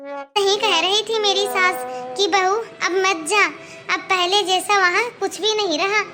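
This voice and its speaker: A woman's voice: very high voice, fairly even intonation, unhurried, music in the background. A woman voicing an earnest young married woman in a cartoon, talking with a reproachful tone. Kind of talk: Hindi cartoon voice acting.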